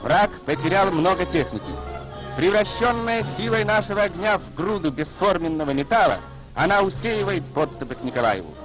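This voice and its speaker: A man's voice: sits high, rough recording. A man reading scripted wartime narration for a 1940s newsreel in a solemn, declamatory announcer delivery. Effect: 1940s newsreel voice-over. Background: orchestral score.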